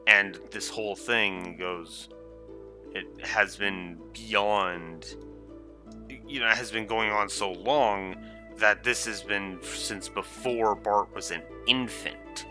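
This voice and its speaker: A man streaming a game, giving casual, rambling commentary with lots of restarts and animated asides. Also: lowish voice, slow, soft background music. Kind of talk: casual let's-play commentary.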